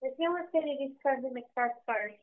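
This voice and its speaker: A woman's voice: high voice, animated, brisk. Woman on a muffled speakerphone call. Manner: teasing, evasive short replies. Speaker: co-host. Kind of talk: casual phone call. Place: in a shower. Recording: muffled tinny phone line.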